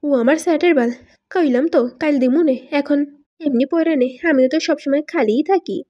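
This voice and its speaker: A stingy, foul-mouthed young husband, voiced by a woman reading the story in a high, mellow voice. He blusters and swears in coarse village dialect, quick to take offence. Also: dull audio. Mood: irritated. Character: cursing, stingy young man, newly married.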